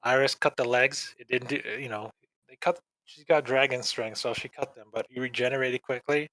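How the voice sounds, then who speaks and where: A man's voice: mid-range voice, brisk, dry recording. Dry-voiced man in a rambling review. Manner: rambling, deadpan and dismissive. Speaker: podcast co-host. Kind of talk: casual anime review chat.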